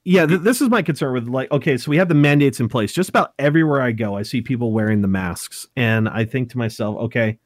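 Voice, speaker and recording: A man's voice: mid-range voice, animated, no room sound, studio quality. A man in his thirties from Montana, co-hosting a casual talk show, often restarting and correcting himself as he goes. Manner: halting, many restarts and self-corrections. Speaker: podcast co-host. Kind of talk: casual chat.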